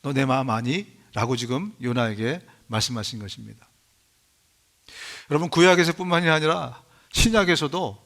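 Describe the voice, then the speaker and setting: Bright-voiced animated male pastor. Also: on the high side. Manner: animated storytelling, emphatic, addresses congregation directly. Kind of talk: sermon.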